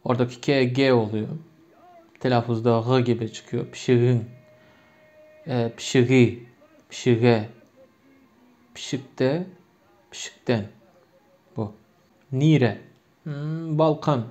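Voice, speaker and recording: A man's voice: medium pitch, fairly even intonation, slow, long pauses, darkish tone. A man from Turkmenistan with a Turkmen accent, a native Turkmen speaker, patiently explaining grammar with many repeated examples in a lesson. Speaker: language teacher. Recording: muffled lo-fi recording.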